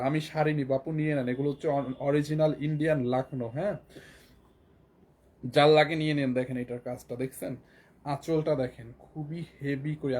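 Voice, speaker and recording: A hoarse man with a Bangladeshi Bengali accent, selling clothes on a live stream and repeating prices again and again. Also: fairly high pitch, darkish tone. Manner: repetitive, keeps repeating prices and urging viewers to buy. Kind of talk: live shopping sales pitch.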